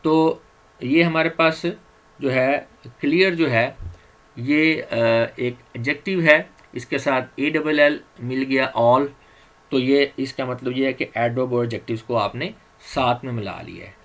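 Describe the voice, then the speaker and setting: Slow, measured male vocabulary teacher. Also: medium pitch, a bit bright, rough recording. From Pakistan. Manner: reads word lists slowly with Urdu glosses, small fillers and restarts. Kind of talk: slide-based vocabulary lecture.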